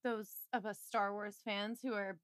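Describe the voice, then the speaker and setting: A woman's voice: medium pitch, steady tone, a little slow, fairly bright tone, dry recording, clean studio sound. A woman co-hosting a fan podcast with casual, playful, slangy banter. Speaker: podcast co-host.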